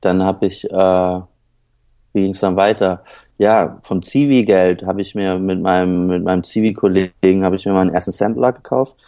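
A man from northern Germany talks as a guest on a relaxed podcast. His voice is low and mellow, and it sounds dry and close to the mic. He wanders through his memories in halting, rambling runs. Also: no room sound. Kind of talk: casual podcast chat.

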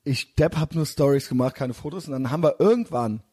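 A man's voice: mid-range voice, fairly quick, warm tone, husky. A man casually telling a rambling, slangy anecdote full of fillers. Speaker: storyteller.

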